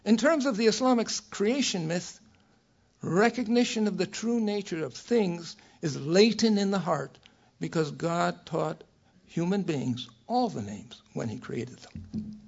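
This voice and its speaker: Raspy, high-pitched older male professor. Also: expressive, muffled recording. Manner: measured, erudite, professorial phrasing. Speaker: academic lecturer. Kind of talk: scholarly lecture read from a prepared text.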